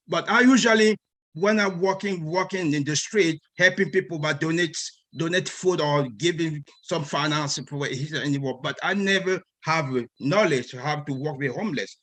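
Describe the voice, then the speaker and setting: A man's voice: on the high side, moderate pace, fairly bright tone. A man from Cameroon, speaking earnestly at an online group meeting and often repeating words as he searches for them. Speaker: guest speaker.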